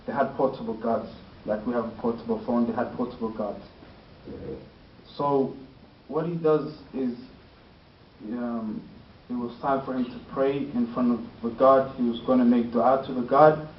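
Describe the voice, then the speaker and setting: A man's voice: medium pitch, fairly even intonation, normal speed. Guy telling a sermon story, lots of you knows and what does he do, dull lo-fi recording with faint hiss. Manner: talks in fillers and rhetorical questions. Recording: roomy, distant, dull lo-fi with faint noise.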